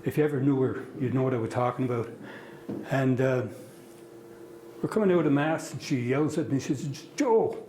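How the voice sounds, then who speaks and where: An older man from Quebec City introducing a guest speaker to an audience with a relaxed, humorous anecdote. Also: mid-range voice, fairly quick, pauses often, a little hiss or hum. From Quebec City, Canada. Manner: folksy anecdotal storyteller with easy humor. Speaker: event host introducing a speaker. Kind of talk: informal introduction at a heritage talk. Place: meeting hall with an audience. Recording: echoey hall.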